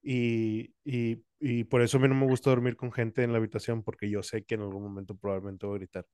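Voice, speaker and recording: A man's voice: medium pitch, flat delivery, a little fast, darkish tone, clean tone, dry recording. Young man telling a story. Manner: rambling, restarts, acts out his own cries. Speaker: podcast co-host. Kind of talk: casual storytelling.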